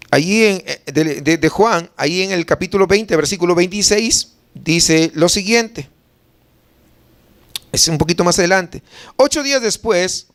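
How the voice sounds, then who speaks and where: A male pastor preaching a sermon, reading Bible verses aloud and asking the congregation questions. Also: high voice. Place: church.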